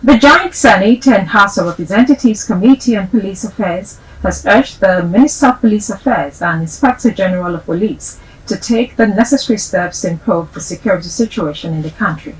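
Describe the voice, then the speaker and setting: Woman, TV news anchor, formal bulletin reading, mid-range pitch. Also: rough recording. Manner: formal, measured headline delivery.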